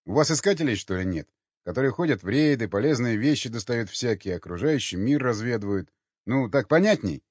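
A man's voice: medium pitch, lively intonation, fairly quick, a little mellow, no echo, natural voice. A man voicing a weary, blunt expedition leader who talks with sarcastic exasperation. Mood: exasperated. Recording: dull lo-fi dry recording.

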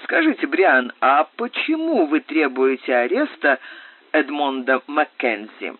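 A brisk, businesslike police constable, voiced by a male reader, curt and official in tone, with a lively lilt. The audio is thin and phone-like. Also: on the high side, no room sound.

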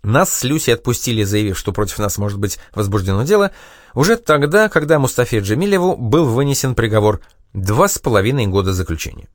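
Expressive male audiobook narrator. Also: medium pitch, dry recording, studio quality. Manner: measured, expressive reading. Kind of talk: scripted memoir narration.

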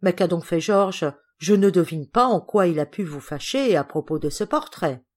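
A woman reading the lines of an anxious, earnest father in an audiobook, pleading and quick to indignation. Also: lowish voice, lively intonation. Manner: pleading, earnest, easily upset. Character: gentle anxious aristocratic father, middle-aged man.

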